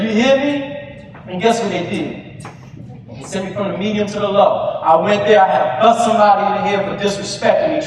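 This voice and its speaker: A man with a very high voice preaches hard to a crowd of students, shouting and pressing them with call-and-response. He is picked up from far off in a big, heavily echoing hall with a long reverb tail and faint room noise. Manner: preacher-like call and response, keeps asking "Do you hear me?"; often shouts for emphasis. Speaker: youth program founder speaking to students. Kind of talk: impassioned motivational speech.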